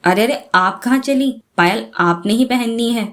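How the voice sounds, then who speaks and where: A woman's voice: a little high, a little slow, natural voice. A woman voicing a cheerful young woman who teases and bosses her siblings with a playful manner. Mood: teasing. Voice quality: playful, teasing. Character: teasing cheerful young woman, bossy sister.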